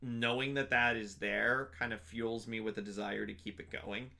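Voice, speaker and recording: This young man is a convention panelist chatting casually as an interview guest, rambling with plenty of fillers and restarts. His fairly low voice comes out flat at a normal speed, creaky yet bright and forceful.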